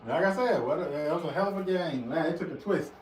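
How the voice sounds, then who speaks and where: A man's voice: a little high, quick pace, reverberant, recorded from a distance, a little hiss or hum. A man co-hosting a casual sports chat, teasing his partner and repeating his phrases. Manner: repetitive, laughing, teasing. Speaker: co-host.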